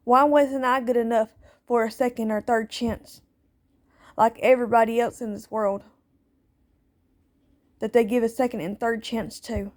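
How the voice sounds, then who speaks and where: Slow, higher-voiced woman, aggrieved. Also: steady tone. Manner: plaintive, aggrieved, repetitive phrasing; nonstandard Southern grammar. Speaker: parent speaking out. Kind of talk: personal monologue to camera.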